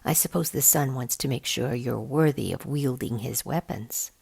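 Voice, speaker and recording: A woman reader plays a brisk, cheerful female guide from a children's storybook. The voice is low and a little gravelly, and she lays out the rules in a plain, matter-of-fact way. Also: a little mellow, exaggerated voice.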